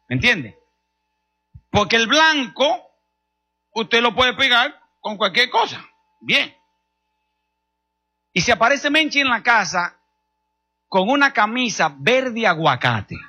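A middle-aged pastor from the Dominican Republic preaches a sermon in a Dominican accent, speaking directly to the congregation. He mixes humor and stories. His voice sits high and sounds bright, husky, and forceful.

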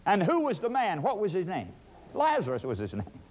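A man's voice: high-pitched, wildly swooping pitch, fairly quick. A man preaching a sermon, emphatic, asking and answering his own questions.

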